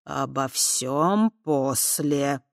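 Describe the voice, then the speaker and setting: A reader voicing a calm, kindly fat horned man who speaks softly and deliberately. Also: mid-range voice, no echo, clean studio sound. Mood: courteous. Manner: slow, soft, measured. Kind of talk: audiobook character voice.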